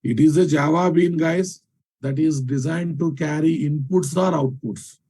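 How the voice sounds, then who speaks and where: Telugu indian guy teaching a coding class, highish mellow voice, says stuff twice and keeps asking if everyone gets it. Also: measured pace, husky. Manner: repeats phrases for emphasis, checks understanding with questions. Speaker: programming teacher. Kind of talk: live technical lecture.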